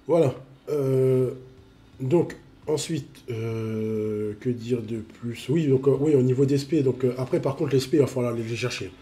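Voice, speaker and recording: A man's voice: medium pitch, moderate pace, dark tone. A man with a cold, sniffling as he reviews a mobile game card in a casual, repetitive way, full of fillers. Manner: repeats himself, full of fillers.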